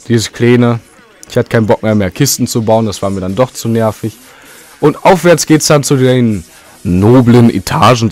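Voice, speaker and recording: A man's voice: mid-range voice, darkish tone. A young man giving casual, rambling commentary over his own gameplay, with sudden jumpy outbursts. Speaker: let's play commentator.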